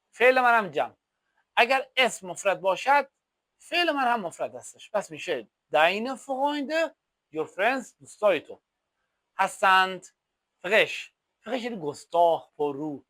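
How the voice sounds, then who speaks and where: Lively high-voiced male language teacher. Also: no room sound. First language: Persian. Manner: slow, drawn-out German example phrases between quick explanations; repeats and drills examples. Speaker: German teacher. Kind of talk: language lesson explaining examples.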